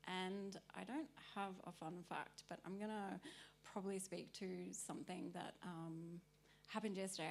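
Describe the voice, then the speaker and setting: Friendly woman panelist, faint hum behind. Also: medium pitch. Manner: friendly, thoughtful, many fillers. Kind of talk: conference panel introduction. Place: conference stage.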